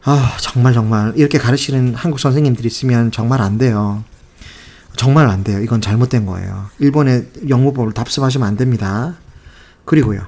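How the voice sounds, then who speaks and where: A man's voice: medium pitch, fast talker, a little mellow. Passionate Korean man teaching grammar. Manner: passionate, exasperated, mixes English phrases. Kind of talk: casual spoken lesson.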